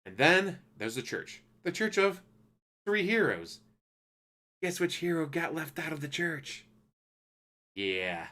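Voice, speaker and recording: Reviewing an anime in a loose, foul-mouthed rant, a man slips into quick character impressions along the way. His voice is a little high, sing-song, and sharp in tone.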